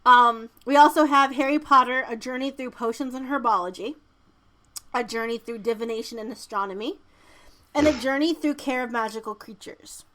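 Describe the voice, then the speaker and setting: High-pitched woman chatting casually. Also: moderate pace, pushed and bright, low-quality recording. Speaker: podcast co-host. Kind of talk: casual chat, partly reading news items.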